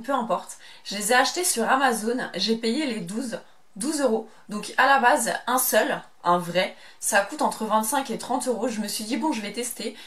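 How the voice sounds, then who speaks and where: A woman's voice: a little high, a bit bright. A young woman with a French accent, chatting casually through a beauty product review, rambling a little with hesitations. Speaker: beauty vlogger.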